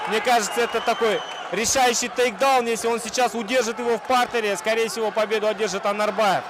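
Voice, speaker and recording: Male fight commentator, high voice, wrestling-commentator style with analytical play-by-play and excitable calls, noisy arena crowd behind. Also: quick pace. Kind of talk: live MMA sports commentary.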